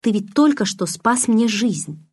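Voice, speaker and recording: A woman's voice: a little high, animated, measured pace, darkish tone, breathy edge, no room sound, clean studio sound, pitched above the performer's own voice. A woman voicing an anxious, touchy teenage girl who speaks in an emotional, pleading way.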